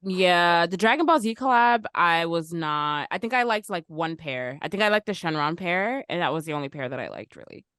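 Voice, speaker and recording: A young woman co-hosting a casual podcast, chatty and quick to laugh. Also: on the low side, animated, a bit bright, smooth, no echo, studio quality. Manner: chatty, laughs often, lots of "like". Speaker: podcast co-host. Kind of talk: casual chat.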